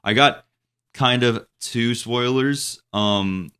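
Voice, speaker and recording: A man's voice: medium pitch, slow, pushed and bright, clear, resonant tone. A man in his twenties co-hosting a podcast in casual chat, rambling with plenty of fillers and restarts. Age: 20s. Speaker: podcast co-host.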